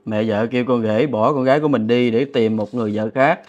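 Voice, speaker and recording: A man's voice: mid-range voice, fast talker, a little mellow. A man co-hosts a vlog and explains things plainly to the viewers. The recording sounds a little dull and lo-fi. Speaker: vlog co-host.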